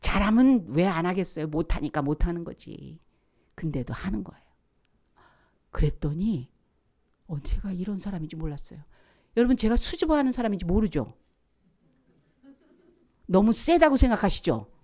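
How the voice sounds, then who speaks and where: A middle-aged woman pastor giving a sermon in an animated storytelling manner. She acts out quoted voices and swings from soft asides to loud calls. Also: fairly low pitch, normal speed, long pauses. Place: church sanctuary.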